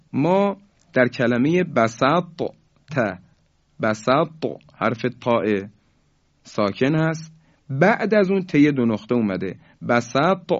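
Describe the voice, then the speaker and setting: Man, Quran recitation teacher, mid-pitched voice, patient explanations, slow emphatic repetitions, dry muffled recording. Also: no echo. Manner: explains patiently, repeats example words slowly and emphatically. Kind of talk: religious lesson on recitation rules.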